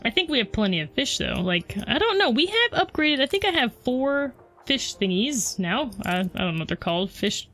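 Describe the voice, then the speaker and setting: Soft music plays behind this woman's high-pitched, fairly bright voice, which swings widely in pitch at a normal speed. Hosting a let's play, she talks to viewers in a chatty, self-deprecating way, teasing herself over her slip-ups during casual commentary on the game.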